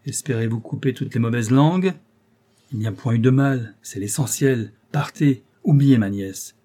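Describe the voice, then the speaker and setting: A man voicing an old aristocratic woman in a storybook reading, brusque yet soft-hearted, talking in gruff exclamations. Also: medium pitch, normal speed, lightly acted. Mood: dismissive.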